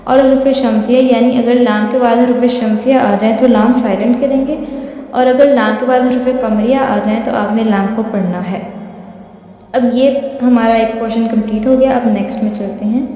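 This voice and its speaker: A woman teaching a lesson patiently. She repeats each point, checks in with the listener, and slows down to draw out recited examples. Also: a little high, fairly even intonation, dark tone. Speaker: tajweed teacher. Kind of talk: explanatory lesson. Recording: echoey room with long reverb.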